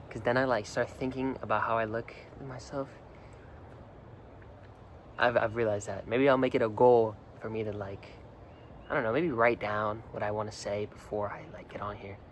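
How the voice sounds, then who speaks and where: A young adult vlogger talks casually to the camera outdoors on a hot, sunny day, his fairly low voice slightly hoarse from singing the night before. He rambles earnestly, repeating words and saying "like" a lot. There's slight background noise.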